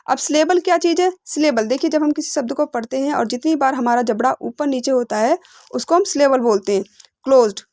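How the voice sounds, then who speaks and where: A woman teaching English phonics, explaining patiently, repeating words slowly and asking rhetorical questions. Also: high voice, a little mellow, no room sound, studio quality. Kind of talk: explanatory lesson.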